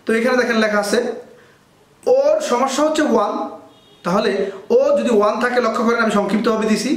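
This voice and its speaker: Man, high voice, echoey room, grammar teacher, step-by-step explaining. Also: fast. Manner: explains step by step, asks and answers his own questions.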